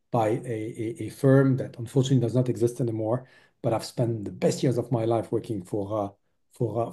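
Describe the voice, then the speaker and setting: A man in his forties from Lebanon speaks as a podcast guest, his voice very dark and mellow. He talks at a middle pitch, pausing often and filling gaps with hesitant sounds. His delivery is relaxed and conversational. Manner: hesitant, many filler sounds. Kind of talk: interview conversation.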